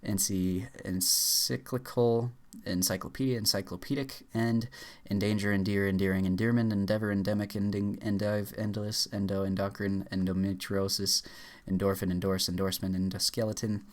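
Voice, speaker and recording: Low-voiced man rattling off a word list. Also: little pitch movement. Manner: rushed, stumbling with frequent uh fillers and restarts. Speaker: YouTuber. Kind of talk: rapid-fire reading aloud of a word list.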